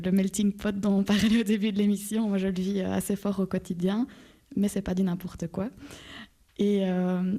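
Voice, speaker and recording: A young woman from southern Belgium, a secondary school teacher, speaks as a radio guest. Her voice is mellow and fairly flat in pitch, and she speaks earnestly and fluently. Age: young adult. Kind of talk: radio panel discussion.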